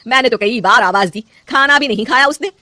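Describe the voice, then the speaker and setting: A woman voicing a middle-aged mother-in-law who talks in a loud, commanding way. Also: fairly high pitch, brisk, no room sound, studio quality, pitched above the performer's own voice. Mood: warm.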